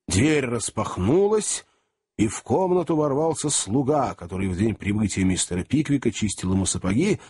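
A man reading a classic novel aloud in an expressive, animated storybook narration. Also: on the low side, slightly rough, dry recording, studio quality. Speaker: audiobook narrator.

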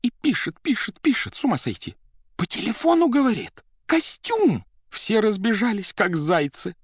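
A woman's voice: mid-range voice, expressive, normal speed, husky, no room sound. A young secretary in hysterics, her voice leaping wildly up and down as she wails and sobs. She bursts out breathlessly in an audio drama, and the recording is close and dry. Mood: agitated retelling. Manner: wailing, sobbing, breathless outbursts.

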